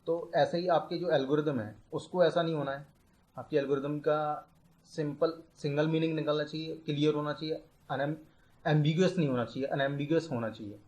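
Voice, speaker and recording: Man slowly explaining computer science. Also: a little high, steady tone, darkish tone, rough recording. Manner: explains step by step, mixing English terms into Hindi, slows down to dictate definitions. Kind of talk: explaining a lecture.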